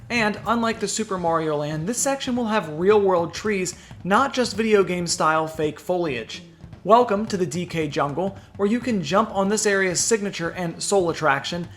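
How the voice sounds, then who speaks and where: A man narrates a theme park news video, reading a scripted voice-over in an enunciated, presentational way. His voice is high-pitched and a bit bright.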